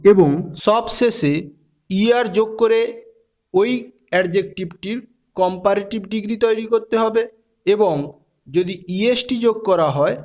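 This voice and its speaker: High-voiced man teaching grammar methodically. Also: darkish tone. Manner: methodical, spells words letter by letter. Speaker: English grammar tutor. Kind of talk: explanatory grammar lesson.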